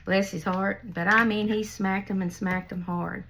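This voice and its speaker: A woman's voice: medium pitch, fairly even intonation, a little slow, vocal fry, a bit bright, slight background noise. An older woman, chatting folksily as she tells family stories and shows a craft project at home. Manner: folksy, chatty, laughs at her own stories. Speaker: craft vlogger. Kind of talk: casual storytelling and craft demo.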